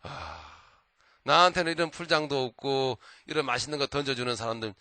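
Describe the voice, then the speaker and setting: A man's voice: mid-range voice, brisk, bright, forceful tone, no room sound, lightly acted. A man voicing a small, cheerful sparrow who speaks politely. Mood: proud.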